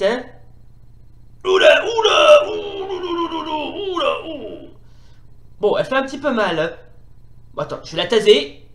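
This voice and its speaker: A man commentating excitably as he plays a retro fighting game, often exclaiming and repeating himself. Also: high voice, roomy sound. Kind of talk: playing while commentating.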